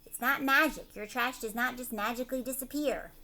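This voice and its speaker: Reading a picture book to children, a woman teacher speaks briskly in a slightly high, creaky voice with a sharp tone. She's expressive, breaking in with casual remarks and questions, and there's slight background noise.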